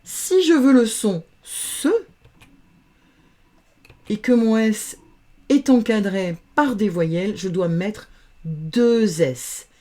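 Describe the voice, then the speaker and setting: A woman teaching reading, patiently sounding out letters and syllables in a slow phonics lesson. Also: medium pitch, animated, warm tone.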